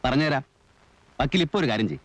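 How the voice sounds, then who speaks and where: An actor playing a calm, eccentric male writer who is a convict, speaking in a measured way. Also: mid-range voice, lightly acted.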